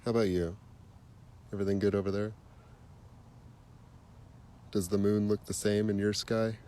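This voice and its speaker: A man hosting a casual livestream outdoors at night, chatty and quick to laugh, with a slightly stuffy nose, talking into a phone. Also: lowish voice. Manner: relaxed, chatty, laughs easily. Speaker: livestream host. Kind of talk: casual live chat while stargazing.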